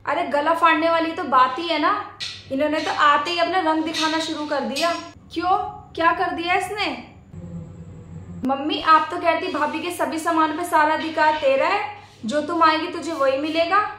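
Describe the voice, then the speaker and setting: Lady doing a bratty greedy sister-in-law, high whiny voice, echoey room. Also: steady tone, normal speed, bright, forceful tone, slight background noise. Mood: indignant. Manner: demanding, whiny, bossy. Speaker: husband's sister. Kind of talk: family skit drama.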